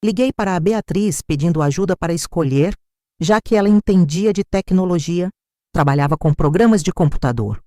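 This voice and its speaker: An older woman with a Brazilian Portuguese accent narrating a first-person family story in a measured, bitter, reflective way. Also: lowish voice, animated, mellow, dry recording, studio quality.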